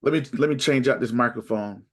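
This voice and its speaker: Man on a call, audio cutting in and out. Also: medium pitch. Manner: halting, restarts mid-sentence. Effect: audio dropping in and out, uneven volume. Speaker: guest author. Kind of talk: remote interview over video call. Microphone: desktop computer mic on video call.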